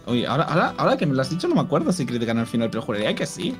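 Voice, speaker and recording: A man's voice: mid-range voice, huge pitch swings, rapid-fire, faint music behind. A man guest in a casual film chat, rambling and slangy with many restarts.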